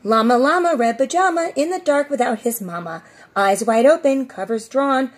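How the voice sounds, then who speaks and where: A middle-aged woman, a preschool teacher, reads a storybook aloud to young children on a covered porch outdoors. Her high-pitched voice is expressive and sing-song, drawing out the ends of phrases, with slight background noise around her.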